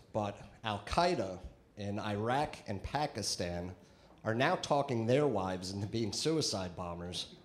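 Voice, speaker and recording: A male stand-up comedian performing a conversational set with crude punchlines on a comedy club stage, into a handheld mic. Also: mid-range voice.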